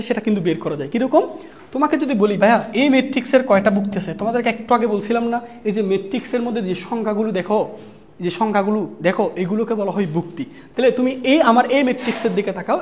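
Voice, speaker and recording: A woman's voice: fairly high pitch, a little mellow. A woman with a Bangladeshi Bengali accent teaching an online math lecture. She asks the students questions, answers them herself, and keeps checking that they follow. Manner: dictates notes slowly and repeats key terms.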